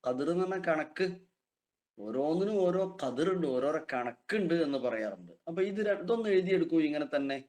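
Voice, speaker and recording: A man teaching an online Quran reading class, patiently repeating key terms slowly for his students. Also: fairly high pitch, expressive, darkish tone.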